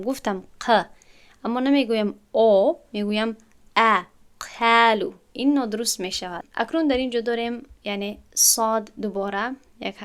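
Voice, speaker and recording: A woman teaching a recitation lesson, explaining patiently and drawing out syllables to demonstrate how they sound. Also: medium pitch. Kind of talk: tajweed lesson to students.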